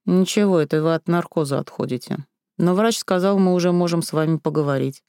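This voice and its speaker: A woman reading a storybook and voicing a calm, matter-of-fact middle-aged man. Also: lowish voice, a little fast, clean tone, no room sound, clean studio sound, close to an everyday voice.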